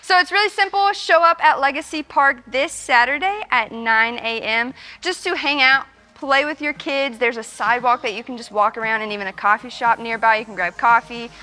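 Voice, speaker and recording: A woman's voice: a little high, normal speed, hardly any pauses, bright, forceful tone. A woman giving friendly church event announcements, explaining simply. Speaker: church host.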